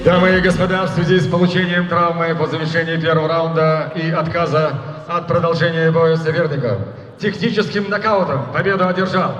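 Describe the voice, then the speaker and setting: A man working as a fight ring announcer, making formal, drawn-out announcements. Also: fairly high pitch, fairly even intonation, fairly bright tone. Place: large event hall over PA. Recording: echoey hall from far off, faint music.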